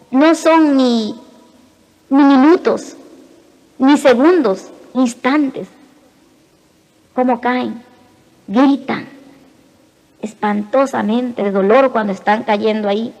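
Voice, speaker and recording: High-voiced woman giving an emotional testimony. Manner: emotional, with short phrases and dramatic pauses. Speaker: testimony speaker. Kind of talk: spoken religious testimony. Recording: reverberant hall.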